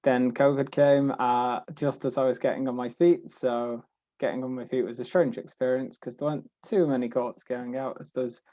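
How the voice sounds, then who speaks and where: A young man with a Liverpool accent talks as a guest on a video-call panel, in a voice of middling pitch. His manner is relaxed and wry, with easy fillers and restarts. The sound is dry and close. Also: normal speed, dry recording. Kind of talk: casual talk on an online panel.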